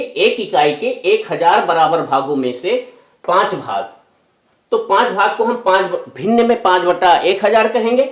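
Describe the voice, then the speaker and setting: A man's voice: high voice, a bit bright. A man teaching a maths lesson step by step, patient, going back over the steps and correcting himself aloud. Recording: echoey room, voice from a distance.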